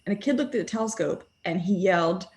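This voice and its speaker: A woman's voice: lowish voice, fast talker, darkish tone. A woman telling an amused anecdote, laughing and mimicking others as she goes. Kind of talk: anecdote in interview.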